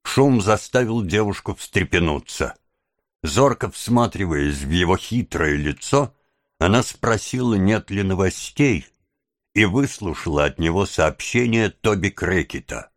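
A man reading an audiobook as narrator, with a measured, even storytelling delivery on a close studio mic. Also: low-pitched, no echo. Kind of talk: scripted narration.

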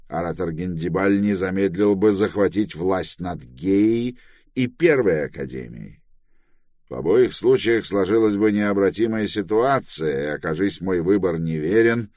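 A man reading the part of a stubborn, earnest grown man in an audiobook, insistent and deliberate. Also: sits low, a little mellow, no echo, clean studio sound.

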